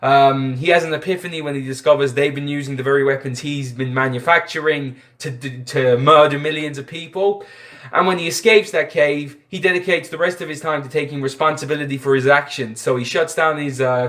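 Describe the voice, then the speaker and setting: A man's voice: medium pitch, fairly even intonation, fairly quick, fairly bright tone. A young man from Ireland talking casually about films on his vlog, chatty and full of fillers and restarts. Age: young adult. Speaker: film vlogger. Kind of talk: casual film retrospective.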